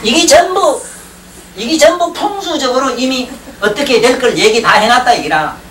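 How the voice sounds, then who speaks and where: A man's voice: very high voice, lively intonation, normal speed, fairly bright tone. A man giving a classroom lecture on Chinese classics, rambling and joking and often checking in with his class. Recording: roomy 1990s lecture tape, distant mic, faint hiss.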